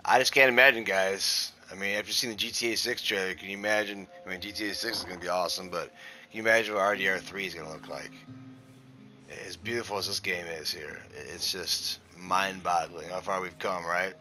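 A man's voice: sits low, fairly even intonation, brisk, bright, forceful tone, a little hiss or hum. A middle-aged man hosting a gaming channel, giving rambling, casual gameplay commentary with mild swearing. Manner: rambling, casual, mildly profane.

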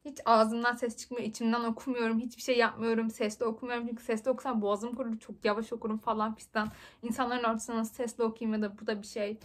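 A woman in her twenties chatting very fast and excitably while unboxing books for her vlog. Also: on the high side. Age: 20s. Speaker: book vlogger. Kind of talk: casual unboxing chat.

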